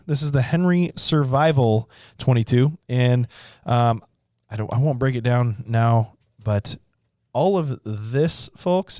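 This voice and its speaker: A man co-hosting a podcast in casual chat, explaining things to listeners in a relaxed, rambling way. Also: mid-range voice, no room sound, clean studio sound. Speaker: podcast co-host, gun shop staff.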